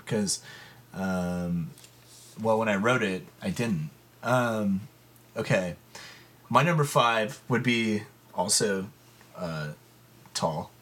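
A man in relaxed casual chat as a podcast co-host. His voice sits somewhat low. He talks in a laid-back way, laughs easily and drops in "man" and "dude". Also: slow pace, long pauses.

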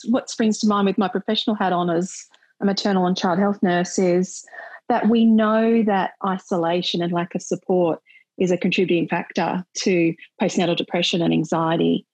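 A woman's voice: fairly low pitch, fairly even intonation, normal speed, a little mellow, no echo, rough recording. A middle-aged woman, a nurse chatting in an interview, earnest and often laughing. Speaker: maternal and child health nurse and volunteer. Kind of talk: casual interview chat.

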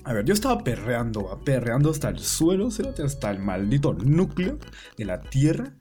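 Swearing man, dark voice. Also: medium pitch, wildly swooping pitch, normal speed, soft background music. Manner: rambling, swears a lot, trails off. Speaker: podcast co-host. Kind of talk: casual storytelling chat.

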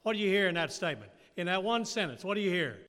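A man with a high, bright, forceful voice delivers an interactive sermon and keeps firing questions at his listeners. His words ring out with a long reverberant tail from the hall. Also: big pitch swings, fast. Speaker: preacher.

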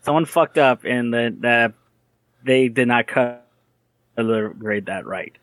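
A young man co-hosting a podcast, recapping casually with halting restarts and blunt swearing. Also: medium pitch, a bit bright. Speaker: podcast co-host. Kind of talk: casual anime recap chat.

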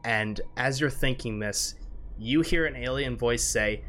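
A man's voice: medium pitch, fairly bright tone, slight background noise. Casual young man running a tabletop game. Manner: casual, halting narration with many "like"s. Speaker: game master.

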